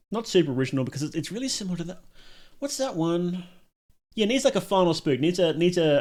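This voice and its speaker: A man with a fairly high pitch and a darkish tone hosts a reaction livestream, judging short films. He talks informally to his chat, thinking aloud and passing verdicts, with some mild swearing.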